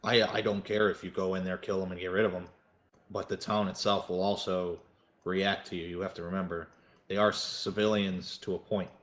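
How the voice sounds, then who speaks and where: A man voicing a grave male informant who briefs adventurers on their enemies in a measured, stately way. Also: low voice, level tone, a bit bright. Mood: matter-of-fact.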